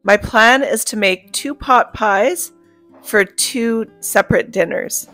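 A woman's voice: a little high, slow. A woman, narrating a cook-with-me homemaking vlog in a cheerful, chatty way and talking straight to viewers. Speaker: homemaking vlogger. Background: soft guitar music.

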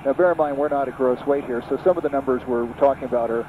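A middle-aged man with a voice of ordinary pitch talks casually through a headset boom mic in the cockpit of a small plane in flight. He reviews the aircraft thoughtfully and often restarts his sentences. A loud engine drone runs steadily underneath his voice. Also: quick pace, phone-quality sound, noisy background. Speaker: aviation magazine reviewer.

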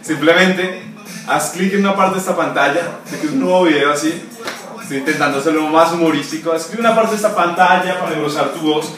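A young man giving casual, energetic voice-coaching tips straight to the viewer in a vlog, calling him "amigo" as he goes. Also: on the high side, quick pace. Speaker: voice coach vlogger. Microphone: camera mic at a distance. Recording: echoey room, voice far from mic.

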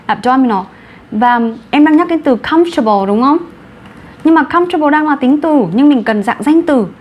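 A woman with a Vietnamese accent teaching English vocabulary in an online class, brisk and encouraging, mixing Vietnamese and English. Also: high voice, expressive, muffled recording, a little hiss or hum.

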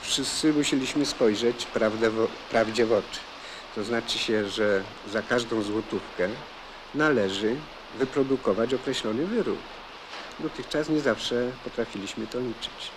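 A man's voice: medium pitch, unhurried. Formal man speaking amid noise. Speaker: factory employee. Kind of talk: formal interview statement. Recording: noisy location sound.

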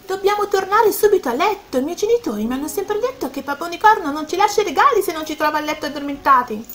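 A woman's voice: very high-pitched, sing-song, a little slow, bright, forceful tone, voice pushed up, exaggerated voice. A woman voicing a little girl unicorn in a children's storybook, exclaiming with wide-eyed surprise. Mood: excited.

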